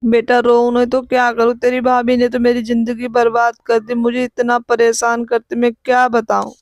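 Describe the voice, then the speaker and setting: A woman playing an older mother who complains on the phone and then lectures her daughter calmly. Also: on the high side, normal speed, no echo, clean studio sound, faint music behind, natural voice. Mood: complaining.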